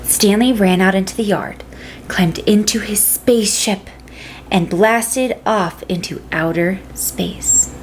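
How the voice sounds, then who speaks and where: Slow, gentle woman reading a picture book. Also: mid-range voice, a little hiss or hum, rough recording. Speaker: reader.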